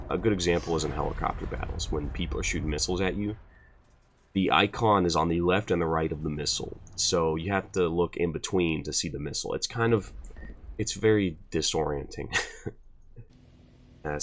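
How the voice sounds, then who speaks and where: A man's voice: low voice, a bit bright, a little hiss or hum. A young man hosting his channel, answering viewer questions in a loose, rambling way with lots of fillers. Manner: rambling, many fillers, laughs at himself. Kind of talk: casual Q&A chat.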